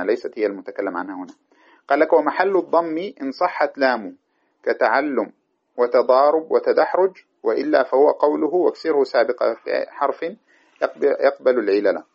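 Male teacher, mid-pitched, patient and methodical, reciting verses and drilling examples; dull lo-fi take. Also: creaky. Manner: recites verse lines and repeats examples slowly. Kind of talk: classical grammar lesson. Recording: dull lo-fi recording.

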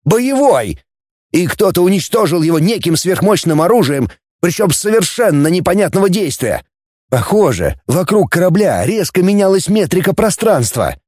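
A man's voice: sits high, very animated, moderate pace, a little mellow, dry recording, studio quality, voice pushed up. A man voicing a young junior space officer who argues his case with earnest, fervent conviction.

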